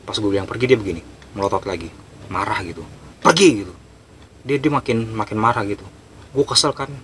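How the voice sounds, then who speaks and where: A man telling a horror story in a casual, animated way, acting out the scenes. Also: fairly low pitch, fast, slight background noise. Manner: animated, emphatic, acts out scenes.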